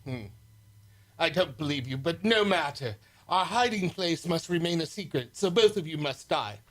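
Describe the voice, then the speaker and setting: A man's voice: a little high, animated, normal speed, a bit bright. A man playing an imperious, menacing prince with a commanding, theatrical manner in a radio serial. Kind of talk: old adventure serial radio acting.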